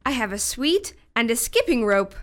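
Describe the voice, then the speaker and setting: A woman voicing a cheery young cockerel in a children's story, with a bright, bouncy, sing-song manner. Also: on the high side, very animated, moderate pace, pitched above the performer's own voice. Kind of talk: children's English-lesson story.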